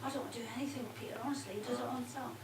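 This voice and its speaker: A woman's voice: fairly high pitch, steady tone, racing, background noise. A woman in her seventies chatting casually at home on camera, rambling, gossipy and self-deprecating. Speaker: interviewee.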